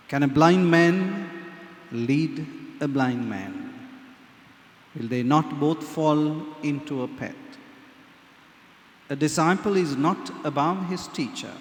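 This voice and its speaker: A man, a priest reading the gospel and preaching in slow, measured, solemn phrases, his voice ringing in a cathedral echo. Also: a little high. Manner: slow, measured, solemn delivery with emphatic pauses. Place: large church. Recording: long echoey reverb of a large church.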